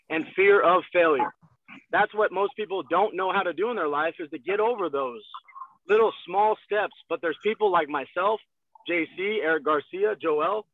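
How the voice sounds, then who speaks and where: A man in his twenties giving an energetic motivational sales talk from a car, heard over a video call. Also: high-pitched, no room sound. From Texas. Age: 20s. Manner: energetic, gestures a lot, repeats phrases. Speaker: guest salesman. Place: in a parked car. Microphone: phone on a video call. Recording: thin phone-like video call audio.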